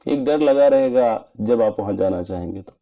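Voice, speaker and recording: A man giving an earnest, measured spoken movie review in formal wording. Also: lowish voice, expressive, dull audio. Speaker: film reviewer.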